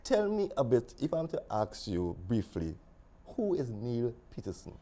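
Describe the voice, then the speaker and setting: A man hosting a studio TV interview, formal and welcoming, with soft humming acknowledgements. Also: medium pitch, wildly swooping pitch, measured pace. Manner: formal, welcoming, with filler hums. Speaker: TV talk show host.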